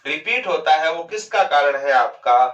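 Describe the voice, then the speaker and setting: Guy giving a grammar class, high voice, asks and answers his own questions, echoey room, kinda far from the mic. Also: expressive, moderate pace, a bit bright, highs cut off. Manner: stretches out words to show pronunciation. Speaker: Hindi grammar teacher. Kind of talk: classroom lecture.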